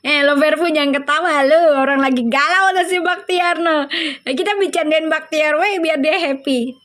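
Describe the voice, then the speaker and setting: A woman's voice: sits high, normal speed, a bit bright. A woman from Indonesia, reading tarot and chatting casually with viewers on a livestream, teasing and affectionate. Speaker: tarot reader.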